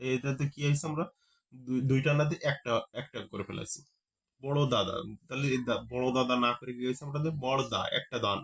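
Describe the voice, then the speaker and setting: A man teaching a grammar lesson. He repeats key terms and keeps asking the class rhetorical questions. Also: mid-range voice.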